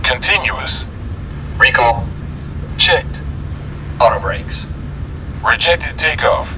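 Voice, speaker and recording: A man's voice: medium pitch, expressive, takes it slowly. A man voicing a businesslike copilot, giving terse cockpit checklist callouts. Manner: terse, clipped. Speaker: airline first officer. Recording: dull, distant, faint aircraft noise.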